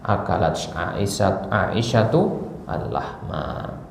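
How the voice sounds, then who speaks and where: A man with a low, gravelly voice teaches an Arabic grammar lesson. He keeps asking the class questions and then answers them himself. He is recorded in a roomy mosque hall with a faint hum of noise behind him. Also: lively intonation, slow pace.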